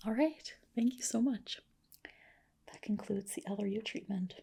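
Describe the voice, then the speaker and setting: A woman with a mid-range voice whispers breathily at a moderate pace, offering gentle reassurance as a spa clinician in an ASMR roleplay.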